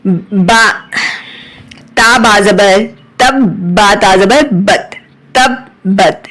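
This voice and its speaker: A woman's voice: medium pitch, extremely slow, fairly bright tone, poor audio. A woman teaching Quran reading with an Urdu accent, spelling out letters and vowel marks and then blending them into words. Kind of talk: slow syllable-by-syllable recitation lesson.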